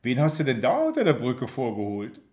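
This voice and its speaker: A man voicing a gruff, annoyed young barmaid who talks curtly and sneers in a storybook reading. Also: medium pitch, huge pitch swings, fairly quick, a little mellow, roomy sound. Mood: curt sneering. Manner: curt, sneering.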